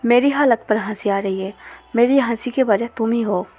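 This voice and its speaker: A woman's voice: on the high side, normal speed, darkish tone, husky. A woman voicing a hurt, angry young man in love who speaks bitterly and accuses. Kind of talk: storytelling with character dialogue.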